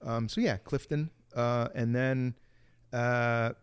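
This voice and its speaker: A man's voice: medium pitch, steady tone, slow, clear, resonant tone. A man in his fifties, born in Greece and raised in Cincinnati, telling his life story as a podcast guest, rambling with many restarts. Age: 50s. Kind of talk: casual storytelling interview.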